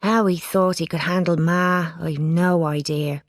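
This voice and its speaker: A woman reading a children's storybook aloud, giving it lively expression. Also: lowish voice, measured pace, dry recording, clean studio sound. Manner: lively character voices, plain narration. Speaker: audiobook reader. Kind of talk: storybook narration.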